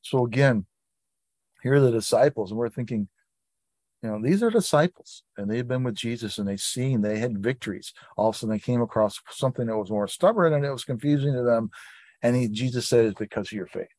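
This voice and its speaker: A man's voice: mid-range voice, fairly quick, darkish tone, dry recording. A man leading an informal Bible study, reading scripture aloud and breaking off into conversational asides.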